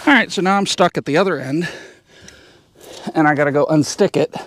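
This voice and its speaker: A man's voice: fairly high pitch, brisk, a bit bright, slight background noise. A man talking to the camera while working in a cramped attic, short of breath and muttering in bursts. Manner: talks in bursts between physical work, muttering frustration. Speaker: home DIY vlogger. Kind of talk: casual narration while working.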